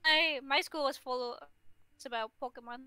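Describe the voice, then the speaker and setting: A woman's voice: high-pitched, moderate pace, sharp tone, dry recording. A woman co-hosting an art live stream, chatting casually and telling funny stories.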